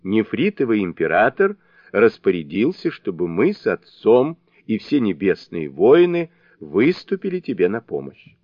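A man's voice: on the low side, wildly swooping pitch, a little slow, dry recording, full character voice. Narrator guy voicing a cocky young heaven warrior prince, declaiming, dull lo-fi audio. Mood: confident. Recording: dull lo-fi dry recording.

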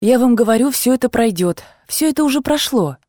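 A woman's voice: a little high, expressive, a little fast, dark tone, no echo, clean studio sound. A woman voicing a tearful young girl. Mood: quiet.

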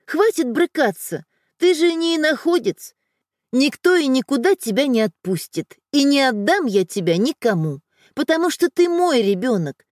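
A woman's voice: high-pitched, sing-song, normal speed, a little mellow, no room sound, studio quality, pitched above the performer's own voice. A woman voicing a middle-aged mother who talks firmly and steadily, scolding and tender at once, in a storybook reading. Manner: firm, scolding yet tender. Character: firm loving middle-aged mother, teasing and protective.

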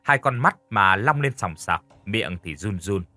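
A man narrating a spooky story in a scripted, expressive storytelling style. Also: on the low side, measured pace, no room sound, faint music behind. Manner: expressive, voices characters lightly.

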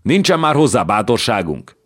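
A man voicing a hot-headed, blunt young male knight who shouts indignantly, pushing his voice well above his normal pitch. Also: very animated.

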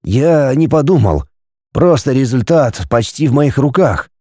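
A driven, stubborn storybook scientist and husband, as a male reader plays him, calm and reassuring as he talks. The voice is mellow and lively in pitch, recorded close and dry. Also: measured pace, no echo. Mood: persuasive, reassuring. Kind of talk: audiobook character reading.

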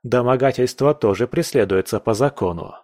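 For an audiobook, a man voices a stern, cold aristocratic lord who owns a newspaper, sounding curt and threatening. His medium-pitched, slightly mellow delivery is a little fast and only lightly acted, in a studio-quality recording with no echo.

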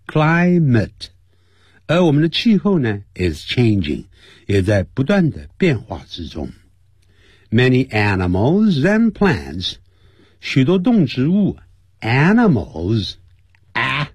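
A man teaching English on a radio lesson, explaining grammar and repeating pronunciations slowly, word by word. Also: husky, no echo. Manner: lively, swooping pitch. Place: radio studio.

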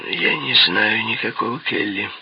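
A man's voice: on the low side, lively intonation, unhurried, husky, dull audio, voice pushed up, heavily acted. A man voicing a cold, thin-voiced male gangster boss who asks curt, abrupt questions and gives orders.

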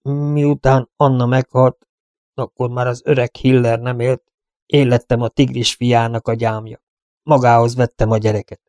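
A man voicing an aging male cowboy guardian, guilt-ridden and fearful, speaking haltingly and often hushed. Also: mid-range voice, little pitch movement, no room sound, studio quality, lightly acted. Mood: somber.

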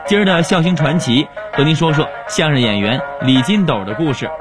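A man's voice: a little high, lively intonation, fairly quick. A man hosting a radio programme with scripted biographical narration. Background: music.

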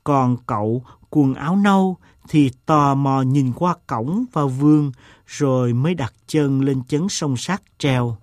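A man voices an eccentric gentleman in a storybook reading. He tells his tale slowly and deliberately, with a self-mocking tone. The sound is close and dry. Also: mid-range voice, dry recording, close to an everyday voice. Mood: wry.

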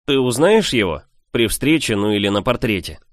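A male narrator voicing a lively, teasing young man in an audiobook, talking in a raised, animated voice. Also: mid-range voice, normal speed, dry recording, studio quality, pitched above the performer's own voice, lightly acted. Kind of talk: audiobook character voice.

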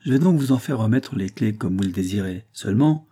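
A man's voice: on the low side, animated, fairly quick, mellow, breathy edge. A man voicing an ironic, mocking male city magistrate in an audiobook reading.

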